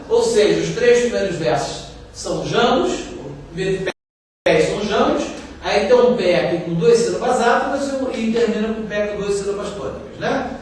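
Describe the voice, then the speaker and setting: A middle-aged man with a Brazilian Portuguese accent giving a university lecture, explaining patiently and often tagging his points with little questions. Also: high-pitched. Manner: explanatory, frequent tag questions. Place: lecture hall. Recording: very echoey hall, distant mic, faint hiss.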